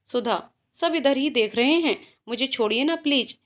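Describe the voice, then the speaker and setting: A woman's voice: sits high, moderate pace, close to an everyday voice. A woman voicing a shy, bashful young female student who teases in a told story. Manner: shy, soft-spoken. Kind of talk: storytelling voices.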